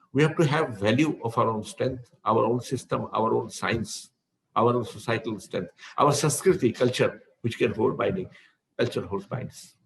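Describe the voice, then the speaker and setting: In an online session, a spiritual teacher with an Indian English accent talks to his devotees in a rambling, discursive way, often repeating words as he searches for the next phrase. His voice is medium-pitched and gravelly, and the recording quality is low.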